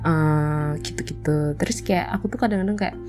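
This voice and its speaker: A woman's voice: low voice, moderate pace, music in the background. A young woman hosting a podcast, telling childhood stories in a chatty, filler-heavy way and acting out old quotes. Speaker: podcast host. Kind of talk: casual storytelling chat.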